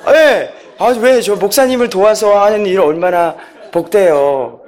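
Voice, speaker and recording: A man's voice: high voice, normal speed, darkish tone. A man giving a personal church testimony, storytelling with animation, acting out quotes and chuckling as he goes.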